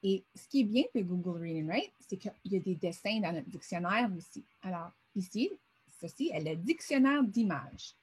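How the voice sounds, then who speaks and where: A woman's voice: mid-range voice, lively intonation, normal speed, darkish tone, breathy edge. A middle-aged woman teaching a vocabulary lesson over a screen, patiently sounding words out syllable by syllable.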